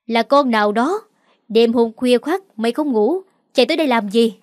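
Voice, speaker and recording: A woman voicing a scheming second wife of a rich household, loud and accusing in a storybook reading. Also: fairly high pitch, lively intonation, normal speed, dry recording, studio quality, close to an everyday voice. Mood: furious.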